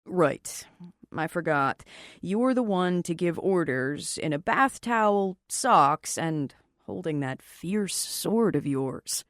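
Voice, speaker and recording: A woman reading an audiobook, voicing an amused, nonchalant male stranger in a teasing, low-key way. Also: expressive, takes it slowly, no room sound, studio quality. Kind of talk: audiobook character voice.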